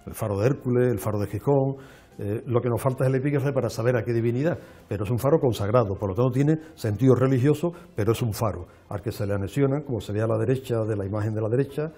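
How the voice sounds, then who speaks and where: A man, a guest explaining in a measured, lecturing way with frequent restarts on a television show. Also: medium pitch, mellow, slightly rough. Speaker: archaeologist guest. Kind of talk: explanatory interview talk. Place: television studio.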